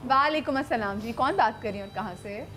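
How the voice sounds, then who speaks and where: Woman tv host on the phones, high voice, casual and chatty, switches into punjabi. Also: fairly bright tone. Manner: chatty, slips into Punjabi with callers. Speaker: morning show host taking calls. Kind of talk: casual live TV chat. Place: TV studio.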